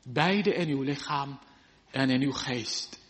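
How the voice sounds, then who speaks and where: A man's voice: mid-range voice, fairly bright tone. A man preaching a fervent sermon in old-fashioned biblical language to his congregation in a church. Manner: slow, fervent old-style preaching with archaic scripture. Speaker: pastor. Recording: long church reverb.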